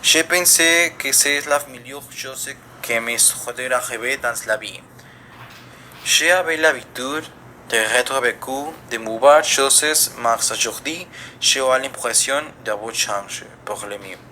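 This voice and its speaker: A young man, reading an earnest self-introduction in a measured way. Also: medium pitch, sharp tone, a little hiss or hum. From Mexico. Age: young adult. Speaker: student.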